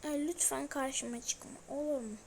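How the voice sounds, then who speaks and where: A woman's voice: sits high, fairly even intonation, moderate pace, vocal fry, darkish tone, slight background noise. A young woman playing a horror game, talking to viewers in a jittery, scared, exclaiming way. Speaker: gamer. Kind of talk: horror game let's play commentary.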